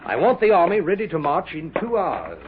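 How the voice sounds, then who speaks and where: A man's voice: fairly high pitch, huge pitch swings, fairly quick, heavy background noise. A man playing a pompous, sardonic British general and vain playwright in a 1970s radio drama, speaking in florid, theatrical style with a British accent. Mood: scornful, urgent. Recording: dull lo-fi vintage radio broadcast.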